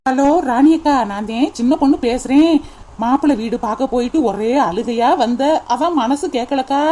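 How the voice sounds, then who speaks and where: A woman doing a mellow, lamenting village auntie. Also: fairly high pitch, normal speed, lightly acted. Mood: concerned. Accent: Kanyakumari Tamil. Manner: hesitant then lamenting, calls her "di". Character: caring middle-aged village woman, scolding softly. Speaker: cartoon character. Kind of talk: cartoon voice acting.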